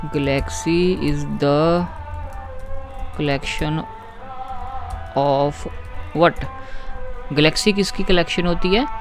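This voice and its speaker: A man teaching English grammar, patiently explaining exercises, asking questions and reading example sentences slowly. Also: high-pitched, a bit bright. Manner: patient, asks questions and keeps checking with "ठीक है?".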